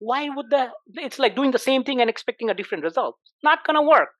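Animated, emphatic man, dry close sound. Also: very high voice, fast, dry recording. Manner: animated, emphatic, rhetorical questions. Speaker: startup CEO, podcast guest. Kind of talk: conversational interview answers.

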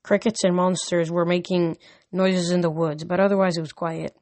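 A man's voice: high-pitched, little pitch movement, moderate pace, darkish tone, no room sound. A young man reading a novel aloud, with casual, slightly rambling asides between chapters. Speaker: reader of a novel.

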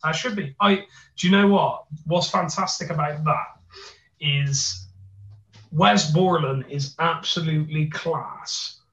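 Gruff bristol bloke doing jokey podcast chat, kinda far from the mic, dull echoey sound. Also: male voice, fairly high pitch, takes it slowly, fairly bright tone. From Bristol, England. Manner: jokey, playful. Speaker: podcast co-host. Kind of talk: casual chat, plugging and bantering. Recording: roomy echo, distant mic, slightly dull.

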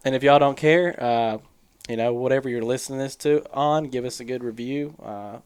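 A man's voice: mid-range voice, moderate pace, a little mellow, clean tone, dry recording, studio quality. A man hosting a podcast, chatting in an informal, colloquial way. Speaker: podcast host. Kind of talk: casual podcast chat.

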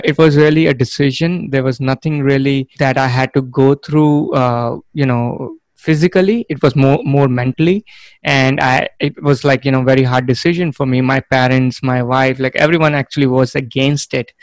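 A man, a podcast guest telling his story in a measured way with many fillers. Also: mid-range voice, fairly even intonation, no room sound. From India. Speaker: guest, real estate fund manager. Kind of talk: conversational interview.

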